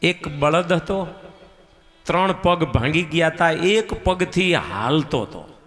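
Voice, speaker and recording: A male preacher tells a devotional scripture story in a high, bright voice, unhurried and sing-song. His words carry a long hall reverb, and faint music sits underneath. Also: expressive. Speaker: katha preacher.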